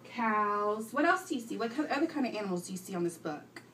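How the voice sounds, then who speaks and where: Fast and animated, with a medium-pitched and slightly bright voice, a woman reads to young children in class and quizzes them, echoing back their answers as she instructs. The recording comes from across the indoor classroom, sounding roomy and distant with faint noise.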